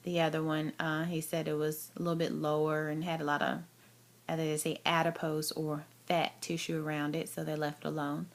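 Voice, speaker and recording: Lady, kinda low voice, chatting casually, frank and emphatic, like a personal vlog. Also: monotone, brisk. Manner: candid, chatty, emphatic, acts out quotes. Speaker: vlogger giving a health update. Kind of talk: casual chat to camera.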